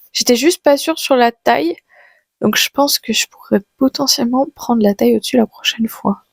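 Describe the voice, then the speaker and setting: Breathy young woman, casual vlog chat. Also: fairly high pitch, a little mellow, no echo. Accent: Auvergne French. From France. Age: 20s. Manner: chatty, frequent fillers and restarts. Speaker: vlogger.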